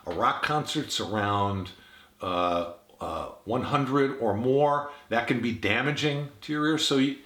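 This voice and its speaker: A man's voice: medium pitch, fairly bright tone, echoey room. A man giving an instructional talk on communication, demonstrating different tones of voice as he explains them. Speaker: communication trainer.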